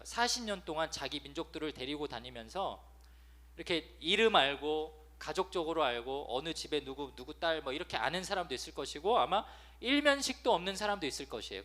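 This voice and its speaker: A man in his thirties preaching to teenagers in a lively sermon, acting out nagging parents with sudden loud outbursts. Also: a little high. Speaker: preacher to a youth congregation. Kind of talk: lively sermon with acted-out quotes.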